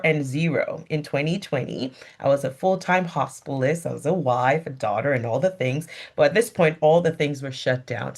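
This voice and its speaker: Nigerian lady doctor giving a talk, reflective and earnest, trips over a word now and then. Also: low-pitched. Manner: earnest, reflective, with small restarts. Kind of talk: personal storytelling talk.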